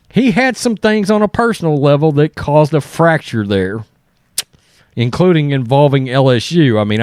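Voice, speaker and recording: A man's voice: medium pitch, darkish tone, no echo, clean studio sound. A man hosting casual sports commentary, speaking bluntly and conversationally as he reads and reacts. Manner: blunt, conversational, often tags points with "okay?". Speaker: sports commentary video host. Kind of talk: casual opinion commentary, reading and reacting to articles.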